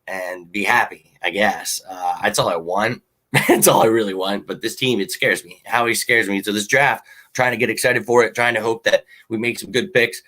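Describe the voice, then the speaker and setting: Sharp-toned but fairly low and slightly hoarse, the man rambles casually about sports on the fan show he hosts, working through viewer comments. He's unpolished and full of opinions, drifting between takes with frequent ums and uhs.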